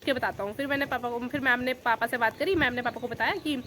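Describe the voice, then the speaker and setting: A young woman talks quickly in a casual vlog, her voice sitting a little high. She sounds emotional and affectionate, rambling from one thought to the next. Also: sharp tone, a little hiss or hum. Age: young adult. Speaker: vlogger.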